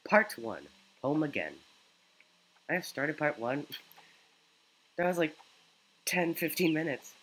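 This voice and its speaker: A man's voice: a little high, big pitch swings, slow, long pauses, a bit bright, a little hiss or hum, low-quality recording. A man hosting a gaming video, giving casual commentary as he plays. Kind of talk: casual gameplay commentary, reading dialogue aloud.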